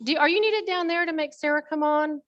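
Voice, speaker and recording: In a lo-fi recording, a high-pitched woman briskly delivers a spoken committee report at a members meeting. Her manner is informal and conversational, with folksy asides to those listening.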